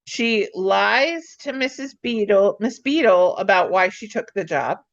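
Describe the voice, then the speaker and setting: A woman co-hosting a casual chat, excitedly retelling a TV episode and acting out the characters' lines. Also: mid-range voice, gravelly, highs cut off. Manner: excitable, acts out characters' lines in quick voices. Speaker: podcast co-host.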